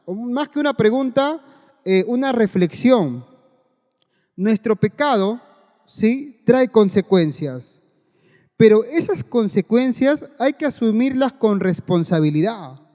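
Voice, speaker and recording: High-voiced man preaching in a reverberant hall. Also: dark tone. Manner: earnest, repeats phrases, keeps addressing the congregation. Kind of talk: sermon.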